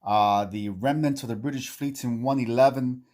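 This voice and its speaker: A man hosting a board-game series, giving a casual recap in a halting way, repeating himself and checking in with "okay". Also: mid-range voice, darkish tone. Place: indoor home game room he calls the bunker.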